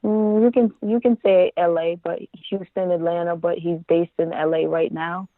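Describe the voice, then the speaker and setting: Calm, even-toned woman on a tinny line. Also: fairly low pitch, moderate pace, no room sound. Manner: calm, even, self-described monotone. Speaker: guest, music marketer. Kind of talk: casual interview chat.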